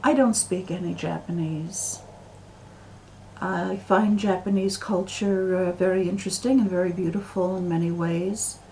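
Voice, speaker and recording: An American woman talking to camera in a slow, deliberate monologue, full of pauses and fillers. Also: lowish voice, steady tone, mellow, slight background noise, poor audio. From United States. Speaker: video commentator.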